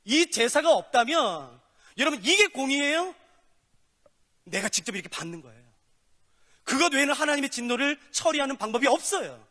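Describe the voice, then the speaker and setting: A male pastor preaching a lively sermon, acting out little dialogues as he teaches. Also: very high voice. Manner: animated, acts out dialogues with God and people. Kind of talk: sermon lecture. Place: church hall. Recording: long hall reverb.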